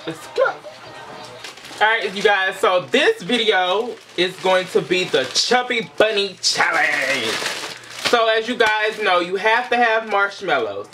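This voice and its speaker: A man's voice: sits high, sing-song, slow, background noise. A young man chatting casually to camera as a vlogger, informal and full of playful asides. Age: young adult. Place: small indoor room.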